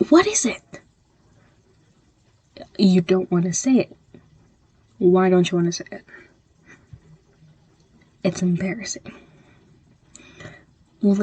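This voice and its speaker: A woman's voice: medium pitch, a little mellow, husky, no echo. A young woman voicing an abrasive female college classmate in an audio role-play, blunt and swearing as she confronts someone. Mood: scornful.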